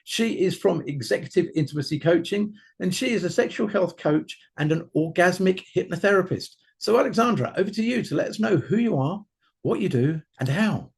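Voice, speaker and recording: A male podcast host with a fairly high, gravelly voice and a very lively, swooping pitch. He reads a formal welcome and then puts questions to his guest. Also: fairly quick. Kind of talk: scripted intro and interview questions.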